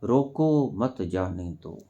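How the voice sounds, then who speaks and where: A man giving a spiritual discourse as a teacher, speaking deliberately with sudden loud emphatic rises. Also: fairly low pitch, lively intonation, highs cut off. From India.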